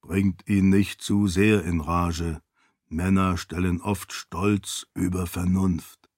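A man voicing a calm, cautious male advisor who whispers slow warnings in a storybook reading. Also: low voice, no room sound, clean studio sound, voice pushed down. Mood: cautioning.

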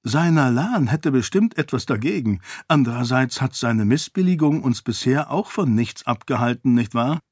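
A man reading a young noblewoman's lines in a raised, higher voice in an audiobook. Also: expressive, moderate pace, hardly any pauses, husky, no echo, studio quality. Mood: astonished. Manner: lifts his voice high and bright for her. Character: young noblewoman, stunned, quick-witted. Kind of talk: audiobook character voice.

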